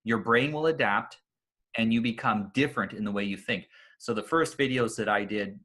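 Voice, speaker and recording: A man hosting an interview, explaining his thoughts in a steady, reflective way. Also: on the low side, normal speed. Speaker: interview host. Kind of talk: casual interview conversation.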